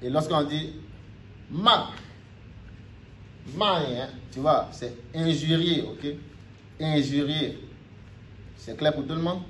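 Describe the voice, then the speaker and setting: A man's voice: fairly high pitch, measured pace, recorded from a distance. A man giving a casual video lesson as a Mandarin teacher, chatty and checking in with "ok?" after nearly every point. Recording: faint background noise, a bit off-mic.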